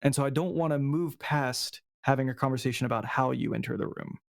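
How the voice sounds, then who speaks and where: A man narrating as dungeon master, explaining in an easygoing, halting way with restarts. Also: medium pitch, gravelly, dry recording, clean studio sound. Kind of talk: narrating a tabletop game.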